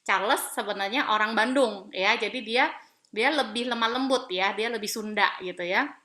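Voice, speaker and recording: A woman pastor from Palembang, Sumatra, preaching a women's Bible talk in a conversational, animated way, slipping in English phrases. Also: fairly high pitch, moderate pace.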